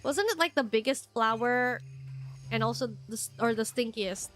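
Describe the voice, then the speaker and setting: This woman talks at a moderate pace while casually commenting on a video game she's playing through for the first time on stream. Her nose sounds congested, her pitch sits fairly high, and faint background music plays as she gasps and laughs excitably.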